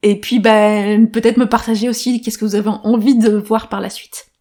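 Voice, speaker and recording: A woman's voice: mid-range voice, little pitch movement, moderate pace, dark tone. A woman hosting her own podcast, explaining ideas in a casual, thinking-aloud way with frequent fillers and restarts. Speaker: podcast host. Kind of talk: solo podcast talk.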